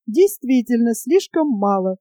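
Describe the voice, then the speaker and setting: A woman's voice: on the high side, sing-song, unhurried, warm tone, dry recording. A woman voicing an earnest, insistent female squirrel in a storybook tale.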